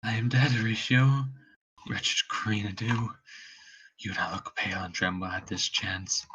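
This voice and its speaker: A man performs a noble prince on his deathbed in a stage tragedy, faint and breathy. The voice is low and slow, halting as life fails. The recording is dull. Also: little pitch movement, fairly bright tone, full character voice. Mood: fading, resigned. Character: dying Danish prince, anguished, noble, failing. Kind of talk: amateur read-through of Shakespeare verse drama.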